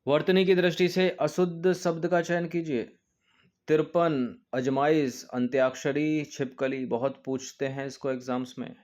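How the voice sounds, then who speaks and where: A man's voice: on the high side, fairly even intonation, measured pace, darkish tone. A male coaching teacher walking through an exam test paper, explaining each answer step by step and repeating key points. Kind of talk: test-paper walkthrough lesson.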